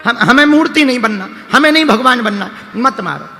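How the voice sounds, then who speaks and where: A man's voice: very high voice, lively intonation, very slow, vocal fry, bright, forceful tone, big-room sound, full character voice. A man voicing a weak, lazy stone that cries and pleads not to be struck. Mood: pleading, whimpering. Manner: whimpering, pleading.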